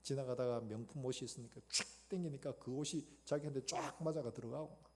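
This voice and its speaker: A male pastor preaching a sermon, retelling a story and acting out its quoted lines with sudden loud bursts. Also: medium pitch, fairly quick. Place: church sanctuary.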